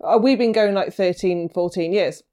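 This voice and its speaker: A woman's voice: medium pitch, moderate pace. A middle-aged woman, co-hosting a wedding podcast in casual chat with lots of ums. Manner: chatty, lively, lots of ums. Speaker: podcast co-host, wedding photographer.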